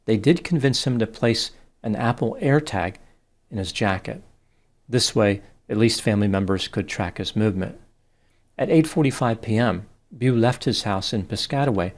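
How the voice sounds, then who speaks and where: A man narrating a case analysis in a measured, deadpan way. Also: lowish voice. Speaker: psychologist commentator.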